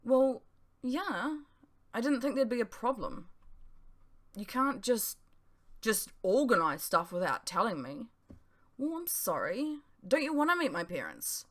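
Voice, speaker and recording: A woman's voice: on the high side, very animated, a little slow, long pauses, pitched above the performer's own voice. A woman voicing a pushy young girlfriend who presses and pleads in a raised, plaintive voice. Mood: defensive.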